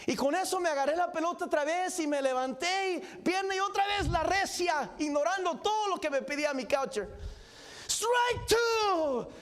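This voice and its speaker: High-voiced pastor. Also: male voice, a little fast, hardly any pauses. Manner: animated, dramatic retelling with exclamations. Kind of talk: sermon storytelling. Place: church sanctuary.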